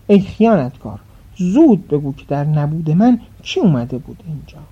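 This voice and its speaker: A menacing male ifrit, as a woman narrator puts him on, sniffing out intruders with cold suspicion. The tone is dark and soft, and the dull, lo-fi sound keeps it close to a storybook reading. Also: low voice, sing-song, breathy edge, full character voice. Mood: accusing. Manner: accusing, interrogating.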